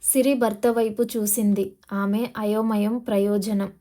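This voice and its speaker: Field: mellow woman storyteller. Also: mid-range voice, level tone, measured pace. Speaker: narrator. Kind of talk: scripted narration of an audio novel.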